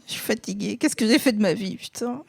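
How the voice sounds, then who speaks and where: A woman's voice: medium pitch, a little fast, vocal fry, a little mellow, breathy edge. A young woman hosting a casual chat, playful and theatrical, swearing often. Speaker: podcast host.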